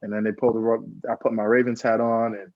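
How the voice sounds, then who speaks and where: Earnest young man with a flat, low voice. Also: quick pace, dry recording. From United States. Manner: earnest, reflective, repeats phrases, says "bro" and "man". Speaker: guest, pro football player. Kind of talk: casual interview storytelling. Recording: dull, lo-fi dry sound.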